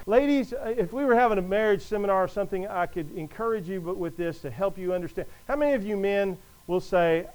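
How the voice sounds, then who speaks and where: A man preaching a sermon to his congregation, emphatic, with conversational asides, slowing down to stress the verses he quotes. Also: high voice, a little mellow, clear, resonant tone, rough recording. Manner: emphatic, rises and drops in volume, slows to stress scripture.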